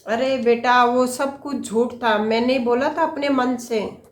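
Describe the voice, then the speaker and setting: A woman's voice: fairly high pitch, fairly even intonation, slow pace, reverberant, a little hiss or hum. A woman playing a wise, lecturing mother. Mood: advising. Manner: lecturing, patient, instructive. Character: wise middle-aged mother giving her daughter advice.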